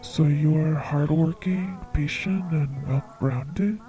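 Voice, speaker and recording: Slow, dark-voiced male psychic host. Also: on the high side, soft background music, low-quality recording. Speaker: psychic radio show host. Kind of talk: comedic call-in show.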